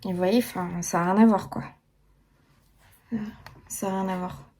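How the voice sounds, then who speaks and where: A woman's voice: fairly low pitch, fairly even intonation, normal speed, mellow, slight background noise. A young woman chatting casually through a makeup tutorial, full of fillers and restarts. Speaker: beauty vlogger.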